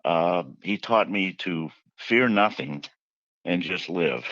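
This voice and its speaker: A man with a very low voice tells his stories in a chatty, anecdotal way and acts out the quotes as he goes. The sound is dull and muffled, close and dry. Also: slow pace, fairly bright tone, dry recording. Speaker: author interviewed about his book. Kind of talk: casual interview storytelling.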